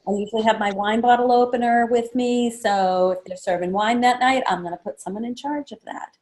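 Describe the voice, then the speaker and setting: Woman, sales trainer, slightly high-pitched, chatty, role-plays small talk. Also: a little fast. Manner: acts out guest chats in a lively higher voice; casual, chatty, many fillers.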